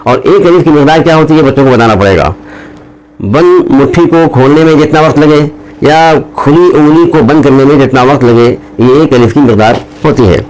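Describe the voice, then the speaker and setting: A man teaching how to pronounce Arabic letters, drawing out each letter slowly between explanations. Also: mid-range voice, darkish tone, low-quality recording. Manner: slow, drawn-out letter recitation between explanations. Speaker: Quran teacher. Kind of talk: recorded teaching lesson.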